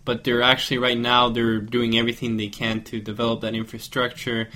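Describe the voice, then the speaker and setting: Flat-voiced man. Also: mid-range voice, fairly quick. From Norway. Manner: hesitant, with fillers. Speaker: discussion participant. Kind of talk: casual discussion.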